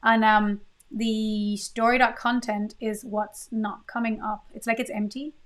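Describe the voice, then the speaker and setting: A woman's voice: a little high, little pitch movement, unhurried. A woman hosting a live-coding stream, thinking aloud in a casual, chatty way with fillers and restarts.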